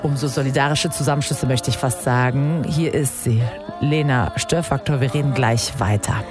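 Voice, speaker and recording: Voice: medium pitch, moderate pace, music in the background. A radio host doing a casual interview, chatty and joking while asking questions.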